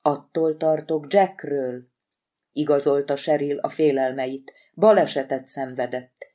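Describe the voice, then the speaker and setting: A woman's voice: sits low, steady tone, dark tone, close to an everyday voice. Woman reading firm dutiful secretary.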